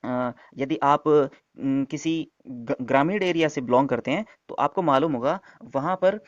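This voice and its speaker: A man's voice: medium pitch, unhurried, no echo. A man giving an online exam-prep lesson, explaining step by step and answering his own questions. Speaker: teacher. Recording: dull, dry lo-fi sound.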